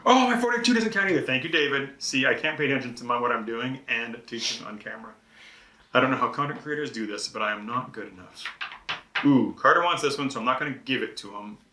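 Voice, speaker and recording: A man's voice: medium pitch, fast, sharp tone, echoey room, a little hiss or hum. A man explaining the rules of a card game as he plays, chatty and self-deprecating about his own moves. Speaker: board game publisher host teaching rules. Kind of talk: rules teach during live play. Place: indoors at a game table.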